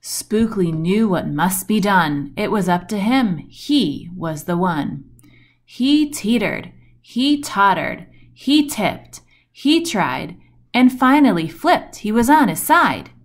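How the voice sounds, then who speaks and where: Reading a rhyming picture book for children, this woman speaks at a medium pitch. She tells the story deliberately and expressively, putting emphasis on the rhymes and the action words.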